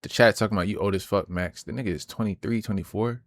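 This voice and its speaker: A man's voice: lowish voice, steady tone, fast, no room sound. Young man in casual reaction chat. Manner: slangy, talks back to the clip, repeats words. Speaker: streamer reacting to clips.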